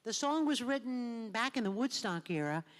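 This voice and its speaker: A woman's voice: on the high side, animated, normal speed. A woman hosting an awards ceremony, announcing the winners in an easygoing way. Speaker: awards host. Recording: long reverb in a hall.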